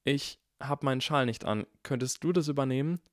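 A man's voice: mid-range voice, fairly quick, no echo, clean studio sound, pitched above the performer's own voice, natural voice. A man voicing a clever, cheeky young schoolboy with a wry, theatrical way of talking in a storybook reading.

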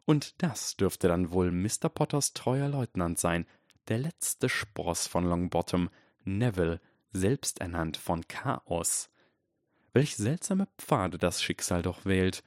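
A man's voice: sits low, lively intonation, no echo, studio quality. Lucius Malfoy, a silky cold aristocrat, read by a man. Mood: icy. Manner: icy, measured and menacing.

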